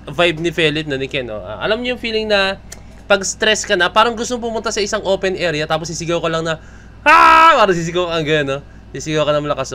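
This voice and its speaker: A man's voice: a little high, background noise. A young man with a Filipino accent giving chatty reaction commentary on a music video, often tagging his lines with a question. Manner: chatty, mixes Tagalog and English, keeps asking "no?". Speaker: reaction vlogger.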